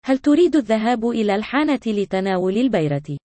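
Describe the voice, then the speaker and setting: A woman's voice: on the high side, sing-song, fast, dark tone, no echo. A woman narrating a language lesson with scripted example sentences for learners.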